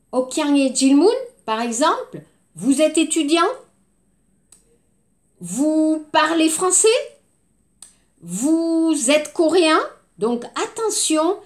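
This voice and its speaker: High-voiced woman teaching, slow and repetitive. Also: a little mellow. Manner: slow, repetitive, switching between French and Korean; emphatic drilling of phrases. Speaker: French teacher. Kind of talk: language lesson.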